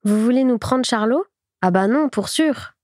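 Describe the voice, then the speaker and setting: A woman's voice: on the high side, expressive, normal speed, a little mellow, no echo, studio quality. A woman voicing a furious peasant farm mother who speaks in blunt, indignant, rustic speech.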